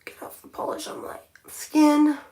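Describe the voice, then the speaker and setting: A woman with a dark-toned voice and a measured pace chats casually while doing her nails on a livestream. She streams from home beside a window, thinking aloud and repeatedly restarting her sentences.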